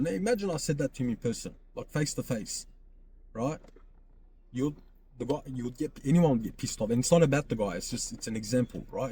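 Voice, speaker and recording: Emphatic man, warm low tone. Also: a little hiss or hum. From Australia. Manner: emphatic, repetitive, keeps asking "right?". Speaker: podcast host. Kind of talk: candid personal monologue.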